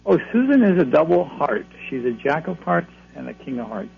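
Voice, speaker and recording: A man with a gravelly voice giving conversational advice to callers as a guest reader on a radio show. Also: fairly high pitch, very animated, a little fast. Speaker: card-reading astrologer, radio guest. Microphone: telephone. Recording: thin phone line, humming noise.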